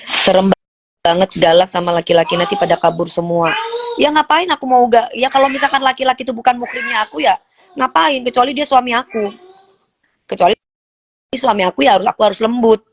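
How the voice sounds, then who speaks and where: A woman's voice: on the high side, fairly quick. A woman ranting bluntly on a phone live stream, combative and slangy. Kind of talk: casual live-stream rant.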